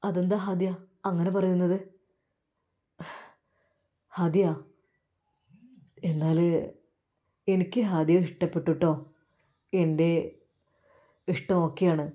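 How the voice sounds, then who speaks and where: A woman voicing a gentle young male doctor who speaks softly in a low, pleading voice. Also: little pitch movement, slow, pauses often.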